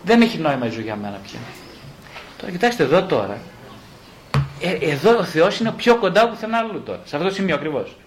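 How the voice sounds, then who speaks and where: Animated, fairly high-voiced male therapist. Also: noisy background. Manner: animated storyteller who acts out patients' lines; wry and mocking. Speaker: psychologist and psychotherapist. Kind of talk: conversational explanation in an interview.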